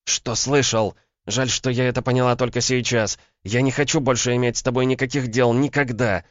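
A man's voice: steady tone, fairly quick, dry recording, lo-fi sound, lightly acted. A man voicing a fiery, proud young woman who answers sharply and scornfully. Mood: furious. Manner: sharp, scornful, shrill when shouting.

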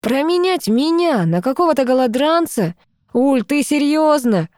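A woman's voice: high-pitched, lively intonation, a little slow, darkish tone, no room sound, clean studio sound, pitched above the performer's own voice. A woman voicing a brash, jealous young man who talks in a hysterical, mocking way in an audiobook. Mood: taunting.

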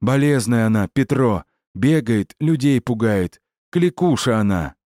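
A man's voice: deep voice, a little slow, a little mellow, no room sound, clean studio sound. A man voicing an anxious village priest who pleads in a tearful, raised voice. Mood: pleading.

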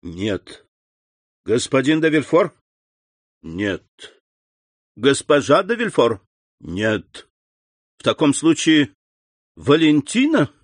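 A man voicing a grave middle-aged doctor who asks low, hushed, measured questions, in an audiobook reading. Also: very animated, breathy edge, no room sound, full character voice.

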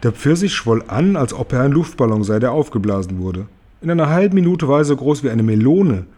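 Husky, expressive male storyteller. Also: mid-range voice, fairly quick. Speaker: narrator. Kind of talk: audiobook reading.

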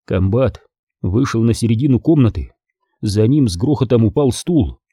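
A man narrating a war novel in the first person, in measured storytelling. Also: mid-range voice, expressive, warm tone, slightly rough, no room sound, studio quality. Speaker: audiobook narrator.

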